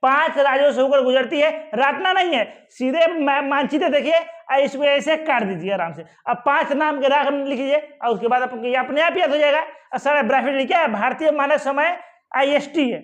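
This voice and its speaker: In a muffled recording, a man with a very high, slightly bright voice speaks briskly. He's giving an exam-prep geography lesson at a map, supplying answers to his own questions amid many reassuring repetitions of "ठीक है" and "आराम से".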